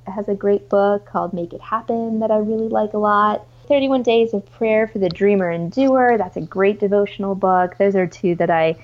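A woman's voice: medium pitch, moderate pace, few pauses, narrow, tinny audio. A woman chatting casually as a podcast guest, informal and enthusiastic, with plenty of "like" and "you know". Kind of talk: casual, chatty interview conversation.

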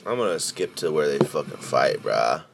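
Deep-voiced man in casual fan commentary. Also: very animated, moderate pace, gravelly, over music. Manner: informal, slangy, enthusiastic. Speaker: fan commenting on a fight video. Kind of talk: casual reaction commentary with heavy swearing and slang.

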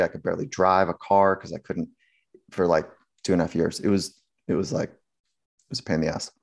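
A man, a sports psychologist, telling a story in a casual interview, acting out quotes with lots of restarts. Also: sits low. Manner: animated storyteller, acts out quotes, many restarts.

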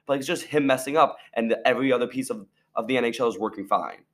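A man's voice: medium pitch, quick pace, a bit bright. A young man co-hosting a casual sports podcast, reading out news and chatting plainly. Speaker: podcast co-host. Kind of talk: casual chat.

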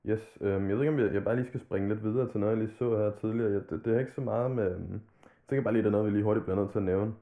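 A man with a fairly low voice talks in a loose, rambling way, dropping swear words into casual podcast chat. His voice comes through thin and boxy, like over a phone line. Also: steady tone. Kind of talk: casual chat about hip-hop.

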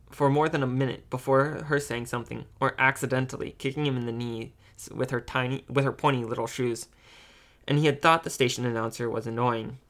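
A man reading an amateur audiobook, halting with ums and self-corrections. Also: mid-range voice, gravelly, fairly bright tone. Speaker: audiobook reader.

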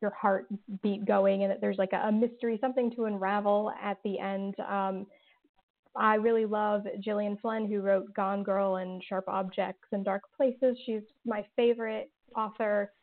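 Her voice medium-pitched and flat, a podcast creator and writer speaks at a moderate pace as a guest in a relaxed interview. She fills her chatter with "like" and "um" and leans on sarcastic humor, all over a tinny phone-like connection.

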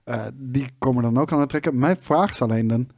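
A man co-hosting a gaming talk show in casual chat, upbeat and chatty, often pausing mid-sentence to find his words. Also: mid-range voice, darkish tone, no room sound, clean studio sound.

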